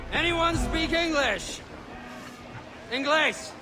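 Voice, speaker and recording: An actor playing a seasoned, gruff pirate captain in a video game, teasing and blunt with salty sailor slang. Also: male voice, on the high side, expressive, moderate pace, crowd noise, natural voice. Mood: commanding. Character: seasoned, gruff, commanding male pirate captain, mocking mentor. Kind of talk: dramatic video game acting.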